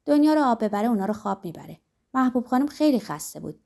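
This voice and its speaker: A woman's voice: on the high side, very animated, gravelly, darkish tone, voice pushed up, heavily acted. A woman voicing a sighing old servant woman. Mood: fussing. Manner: sighing, fussing, tender. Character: sighing elderly female household servant, doting. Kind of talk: audiobook character reading.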